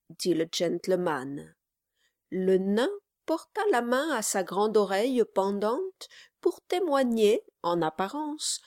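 Slow, measured female audiobook narrator. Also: mid-range voice, a little mellow, no echo, studio quality. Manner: measured, literary storytelling.

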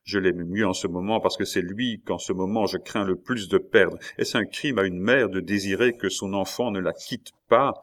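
A scheming older queen mother speaks in a measured, reproachful tone, as a male narrator puts her on. The voice stays deep and low, with only a slight lift, like a storybook reading. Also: natural voice.

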